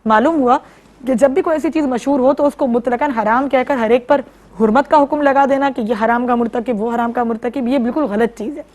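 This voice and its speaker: A woman religious scholar on a studio talk show, explaining steadily and listing examples. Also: high voice. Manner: steady, didactic, lists examples. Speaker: female religious scholar guest.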